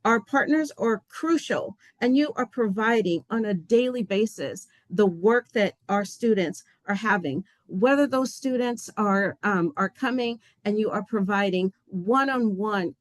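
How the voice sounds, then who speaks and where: Woman, agency official, passionate webinar welcome, mid-pitched voice, dry close sound. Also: a little slow, hardly any pauses, no room sound. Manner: passionate, heartfelt; earnest, loses her place and restarts.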